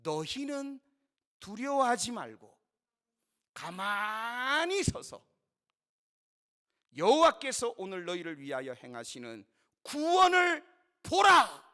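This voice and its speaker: A man voicing a commanding male prophet who shouts his proclamation to a crowd of his people. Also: high-pitched, sing-song, normal speed, vocal fry, exaggerated voice. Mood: proclaiming.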